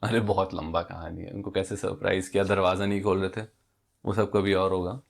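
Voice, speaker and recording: Young male vlogger, casual storytelling, animated, acts out both sides of dialogue. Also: deep voice, a little fast, creaky.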